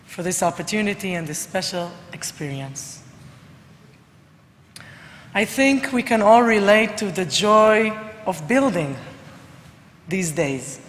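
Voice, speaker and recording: A woman rabbi with an Israeli accent, a native Hebrew speaker, giving a sermon in a hoarse, broken voice as from a cold. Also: medium pitch. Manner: frequent throat clearing, unhurried. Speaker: visiting rabbi. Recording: reverberant hall with background noise.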